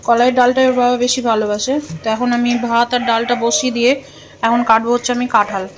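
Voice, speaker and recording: Lady in her 30s cooking and chatting away in her kitchen, a bit high voiced. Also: flat delivery, fast talker, a crowd in the background. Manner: chatty, homely, talks while cooking. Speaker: vlogger. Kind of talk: casual cooking vlog chat. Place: home kitchen.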